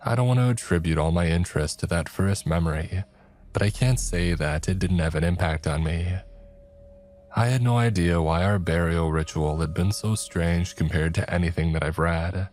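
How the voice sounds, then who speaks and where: A man telling a first-person horror story in a slow, hushed narrating voice. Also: low voice. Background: faint music.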